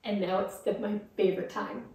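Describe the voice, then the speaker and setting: A woman's voice: mid-range voice, flat delivery, a little fast, a little mellow. A woman hosting a home cooking show, chatting her way through each baking step with a giggle, recorded in a kitchen. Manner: chatty, explains steps, giggly. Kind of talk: casual cooking demo chat. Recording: very echoey room, mic far off.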